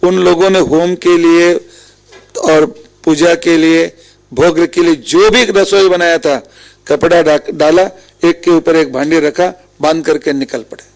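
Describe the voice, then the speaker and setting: A man's voice: a little high, steady tone, rough recording. A man with an Indian accent giving a devotional discourse, retelling scripture stories with quoted dialogue. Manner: storytelling with quoted dialogue, unhurried. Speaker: religious storyteller.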